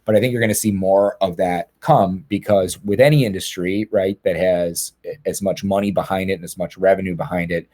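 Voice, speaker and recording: A man with a deep, level voice speaks on a webinar panel over a video call. He talks earnestly and plainly as a lawyer, often doubling words when he starts a phrase again. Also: steady tone, fairly quick, hardly any pauses, darkish tone.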